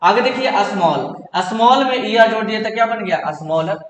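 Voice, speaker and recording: Male grammar teacher with a high voice who drills by question and answer, recorded in a roomy, echoing hall. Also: lively intonation, moderate pace, muffled recording. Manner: asks questions and answers them himself, repetitive drilling. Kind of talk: classroom grammar lesson in Hindi. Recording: echoey hall, roomy reverb.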